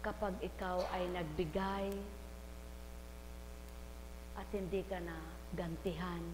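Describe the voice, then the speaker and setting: A woman preaching a live sermon in a large hall. She repeats her calls to the listeners and swings from soft speech to loud cries. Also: on the low side, fairly even intonation, slow. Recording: echoey hall with faint hum.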